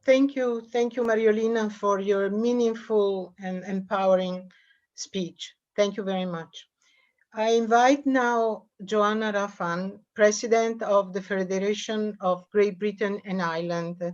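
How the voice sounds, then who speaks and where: A woman moderates a formal ceremony, offering thanks and handing over to the next speaker. She speaks very slowly and courteously, and the sound is dull and muffled. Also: medium pitch, steady tone, darkish tone. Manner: slow, courteous hand-over. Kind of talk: formal introductions.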